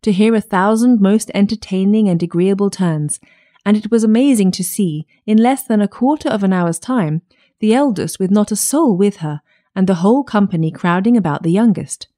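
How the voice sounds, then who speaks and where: A woman narrating a fairytale audiobook in a measured storytelling manner. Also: medium pitch, mellow.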